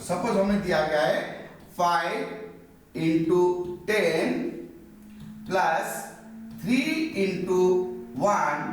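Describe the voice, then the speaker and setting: A higher-pitched man teaching maths, his voice rising and falling a lot as he works through an example on the board. He keeps asking questions and then answers them himself. The sound is very echoey, and he stands some way back from the mic. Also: recorded from a distance, a little hiss or hum. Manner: explains step by step, asks and answers his own questions. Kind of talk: classroom maths lesson at a board.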